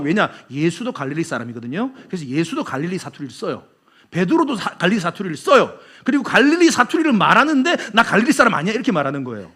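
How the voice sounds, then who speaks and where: A man's voice: high voice, a bit bright. A male pastor with a Busan Gyeongsang accent, preaching a sermon and putting rhetorical questions to his congregation. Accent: Busan Gyeongsang Korean. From Busan, South Korea.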